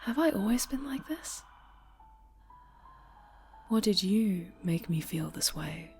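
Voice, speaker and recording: A woman voicing a fallen hero turned possessive villain, speaking in a soft, breathy, menacing whisper in an audio roleplay. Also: mid-range voice, lively intonation, slow pace, soft background music. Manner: taunting, cloying, menacing.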